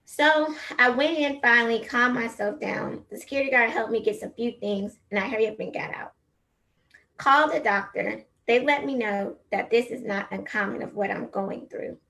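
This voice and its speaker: A woman's voice: on the high side, normal speed, gravelly, sharp tone. A woman teacher speaking over a video call, telling a personal story in an earnest, encouraging way. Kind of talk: personal testimony speech.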